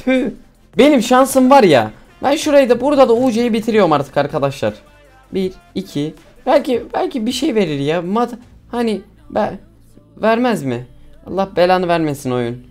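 A young man casually commenting as he plays a mobile game, excitable and pleading with the game as he talks to his viewers. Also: high voice.

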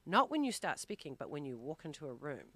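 A woman's voice: low-pitched, very animated, a little fast, pushed and bright, no room sound. A woman guest on a radio interview, a presentation coach, talking in a chatty way with easy laughs and plenty of fillers.

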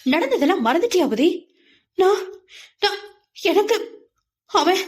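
A woman's voice: high voice, lively intonation, fairly quick, pitched above the performer's own voice. A woman voicing a young female student who speaks in a hurt, defiant and emotional way. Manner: emotional, pleading.

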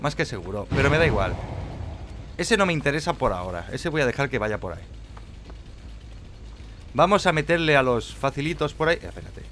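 A man giving live, mocking commentary while playing a horror game, jumping between loud outbursts and low muttering. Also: very animated, a little fast, pauses often, a little hiss or hum. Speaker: gameplay streamer.

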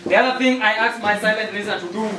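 A man's high, bright, forceful voice races along as he portrays a chatty American surveillance expert in an amateur stage play. Hesitant and explanatory, he ends lines with "eh?"; the distant mic picks up room echo and faint noise.

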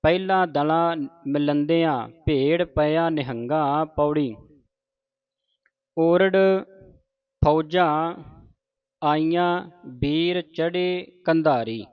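A man teaching scripture pronunciation, reciting verses slowly in a measured chant and stopping to correct words. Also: a little high, smooth, dry recording, muffled recording. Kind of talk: slow recitation lesson with corrections.

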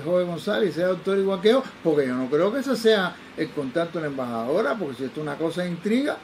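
Older male forensic doctor, Cuban accent, high and quick, lively storyteller who mimics the people in his tales. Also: a little hiss or hum, poor audio. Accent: Cuban Spanish. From Cuba. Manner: acts out the voices of people he quotes. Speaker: forensic toxicologist. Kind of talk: animated personal storytelling.

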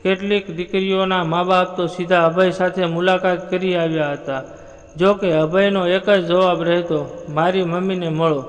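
A man narrating a moral story in a steady, even storytelling read. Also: high-pitched, in a large hall.

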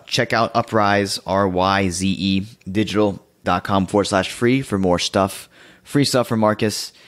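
A man's voice: fairly low pitch, a little slow. A man hosting a podcast, chatting casually and laughing easily with his guest. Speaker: podcast host.

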